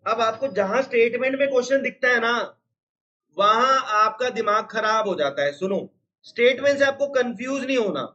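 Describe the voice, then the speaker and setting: Man, accounts teacher, live online class, high pitch, scolding and teasing tone, dull lo-fi audio. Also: normal speed, bright, forceful tone. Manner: scolding, teasing students, repeats "suno". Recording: slightly dull lo-fi sound.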